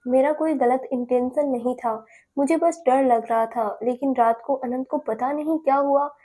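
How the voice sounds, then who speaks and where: A woman's voice: sits high, mellow. A woman playing a scheming tearful rival. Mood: sugary. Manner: whiny, tearful and sugary. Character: scheming tearful young woman, feigning innocence.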